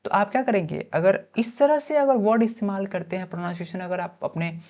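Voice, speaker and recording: A woman gives an exam-prep lecture at a middle pitch, posing questions and answering them herself. She mixes English terms into her explanations and spells words out letter by letter. The recording sounds dull and lo-fi. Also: fairly quick, darkish tone. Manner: explains by asking and answering her own questions, with frequent "ठीक है" check-ins. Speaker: teacher.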